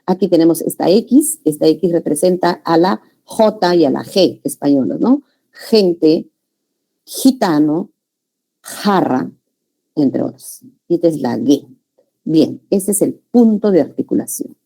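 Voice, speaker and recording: Mellow-voiced woman teaching a lesson. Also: low voice, animated, gravelly, breathy edge. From Peru. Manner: explanatory, frequent tag questions, spells out sounds slowly. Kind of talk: classroom lecture.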